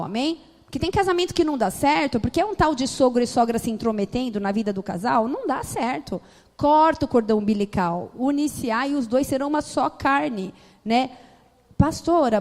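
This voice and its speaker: In a church hall with a big-room sound, a young adult Brazilian woman pastor with a Brazilian Portuguese accent and a slightly high voice preaches a sermon. She tells stories animatedly, acting out family arguments and dialogue.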